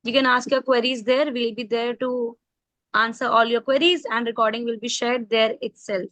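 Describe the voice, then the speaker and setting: High, dry-sounding Indian woman coordinator. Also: level tone, normal speed, fairly bright tone, no echo. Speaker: online workshop coordinator. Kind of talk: announcements of offers and thanks.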